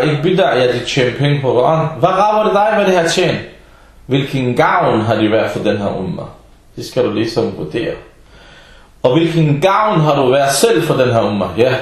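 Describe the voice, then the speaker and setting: A man giving an informal religious talk in a blunt, scolding and sarcastic way. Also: medium pitch. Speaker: preacher. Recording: very echoey room.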